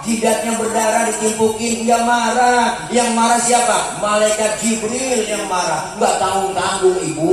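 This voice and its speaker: A man giving a comic sermon and joking with the crowd. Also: high-pitched. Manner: jokey, talks straight to the crowd. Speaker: preacher. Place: public religious gathering. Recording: echoey hall, far from mic, music behind.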